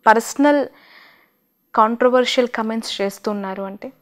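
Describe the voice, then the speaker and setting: A woman's voice: a little high, normal speed. A woman interviewing a guest, asking brief, probing questions.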